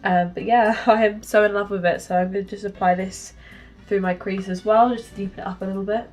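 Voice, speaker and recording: A young woman talks through a makeup tutorial in a chatty, casual way, her voice nasal and stuffed up from a cold. She speaks at a middling pitch for a woman. Faint music plays quietly underneath. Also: steady tone, brisk. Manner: chatty, casual, with frequent ums. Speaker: beauty vlogger.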